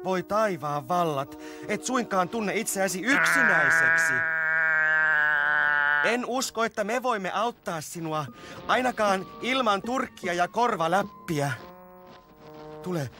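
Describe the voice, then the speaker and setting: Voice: medium pitch, lively intonation, pauses often, over loud music, natural voice. A performer voicing a young, kind Moomin troll in a cartoon dub.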